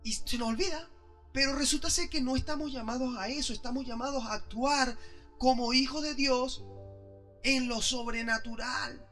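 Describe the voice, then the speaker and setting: A man preaches a sermon in church, with a high, very bright and piercing voice. He swings from loud, lively bursts to quiet, low asides as he acts out the people he quotes. Soft music plays faintly behind him. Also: moderate pace. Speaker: pastor.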